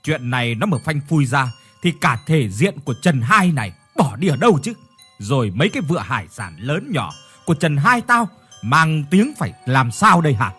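A man voicing a furious, domineering older father who shouts and swears. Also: fairly high pitch, sing-song, fairly quick, pauses often, breathy edge, soft background music, full character voice.

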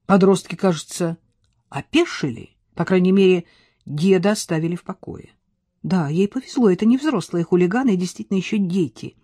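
A woman narrating a novel as an audiobook reader, in an expressive, varied storytelling manner. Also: on the low side, brisk, breathy edge, no room sound, clean studio sound. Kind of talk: scripted narration.

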